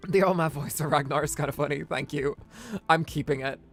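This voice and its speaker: A woman giving casual, playful and excitable gameplay commentary as a game streamer. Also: low voice, fairly quick. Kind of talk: casual gameplay commentary and reading dialogue aloud. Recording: game music behind the voice. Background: game music.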